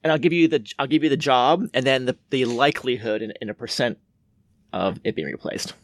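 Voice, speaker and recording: A man's voice: mid-range voice, a little fast, no room sound. A man co-hosting a podcast, walking through statistics in a matter-of-fact, casual way. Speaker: podcast co-host. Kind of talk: casual chat.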